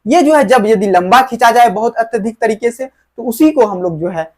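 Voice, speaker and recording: A woman teaching a grammar lesson to school students, explaining slowly, drawing out example vowels and posing rhetorical questions to the "dear children". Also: on the high side, lively intonation, a little mellow. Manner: drags out example vowels when demonstrating.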